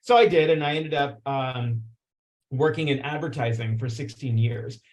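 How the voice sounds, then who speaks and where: A man's voice: mid-range voice, moderate pace. Earnest man from Texas telling his story. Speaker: chef and food writer. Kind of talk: casual personal introduction.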